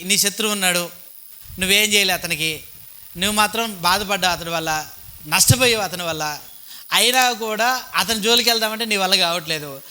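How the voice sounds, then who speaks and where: Male Telugu preacher with a high, very bright voice, chatty sermon style, asking the congregation questions, cheap handheld mic. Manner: conversational, asks the congregation questions, mock-voices petty thoughts. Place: church hall. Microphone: cheap handheld microphone.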